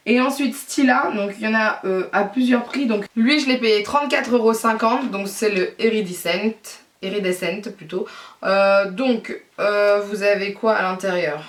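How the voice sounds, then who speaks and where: A woman's voice: mid-range voice, normal speed, far from the mic. A woman beauty vlogger chatting casually to camera about her purchases, gushing over them and hesitating often. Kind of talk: casual haul chat to camera. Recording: roomy echo, voice a bit off-mic.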